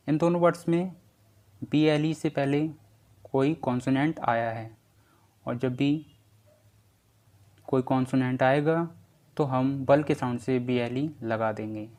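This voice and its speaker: A man teaching an English lesson, explaining spelling rules slowly and spelling out example words one at a time. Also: medium pitch, darkish tone.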